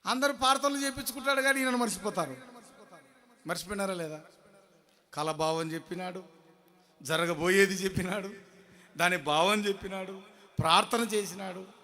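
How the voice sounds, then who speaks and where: Man preaching, high voice, bright tone, call-and-response questions, shouts then murmurs. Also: normal speed, long pauses, big-room sound. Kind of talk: sermon.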